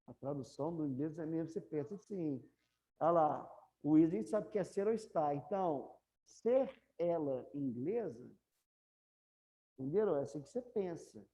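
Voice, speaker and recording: A woman's voice: low voice, lively intonation, normal speed, dark tone. A woman English teacher with a Brazilian Portuguese accent, explaining grammar to a class and checking in with students often. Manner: patient, repeats questions to students.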